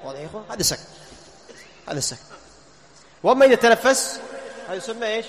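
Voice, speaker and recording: A man's voice: sits high, sing-song, rapid-fire. A man teaching a lesson on Quran recitation. He quizzes his listeners with short questions, answers them himself and repeats the key terms. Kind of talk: classroom lesson. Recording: long reverb, faint background noise.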